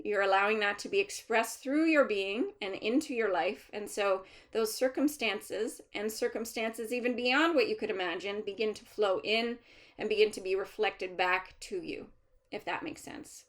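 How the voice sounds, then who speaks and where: A woman speaking as a trance medium, channeling a collective of master healer spirits in a deliberate, formal, instructive manner with pauses. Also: mid-range voice, natural voice. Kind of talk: seance medium channeling, unscripted spiritual teaching.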